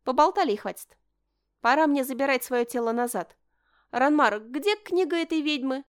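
A haughty young princess with a high, piercing voice that swings wildly up and down, speaking in an imperious, bossy way, as a woman reading a novel aloud puts her on. The reading is an audiobook-style narration. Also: very animated, normal speed. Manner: imperious, shrill when upset.

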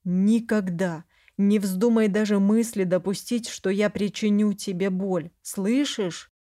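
A woman's voice: mid-range voice, fairly even intonation, slow pace, mellow, natural voice. A woman reading as a stern male dragon general. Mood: fierce.

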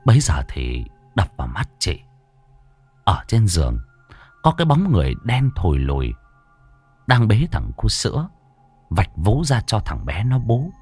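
Male horror narrator, deep and wildly animated, recorded dry with soft music underneath. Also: unhurried, pauses often, husky, no echo. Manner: lively, expressive storytelling with big pitch swings. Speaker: storyteller. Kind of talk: ghost story narration.

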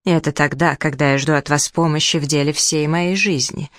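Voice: medium pitch, fairly quick, no room sound, clean studio sound, natural voice. Reader as an obsessive old professor. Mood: accusing. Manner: excited, accusing, dwells on his mummy. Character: agitated elderly male Egyptologist professor, obsessive.

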